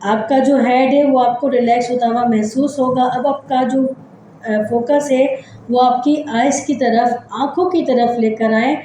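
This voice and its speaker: A woman hosting a psychology channel, gently leading listeners through a body scan meditation with slow, repetitive step-by-step guidance. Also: on the high side, steady tone, very echoey, a little hiss or hum, poor audio.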